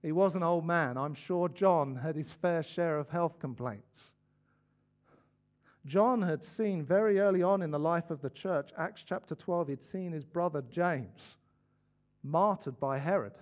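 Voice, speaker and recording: Brief: man preaching, earnest and conversational, slightly higher voice. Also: unhurried, darkish tone. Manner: earnest, conversational, with small asides. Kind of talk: sermon.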